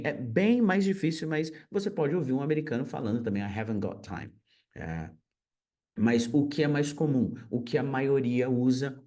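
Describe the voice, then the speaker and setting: A man from Brazil teaching an online English lesson. He explains in Portuguese and reads English example sentences slowly and deliberately. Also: mid-range voice, dark tone.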